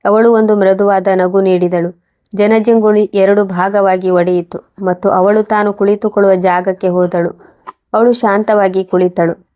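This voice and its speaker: A woman reading a scripted moral story in an even, measured way. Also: mid-range voice, muffled recording. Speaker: narrator.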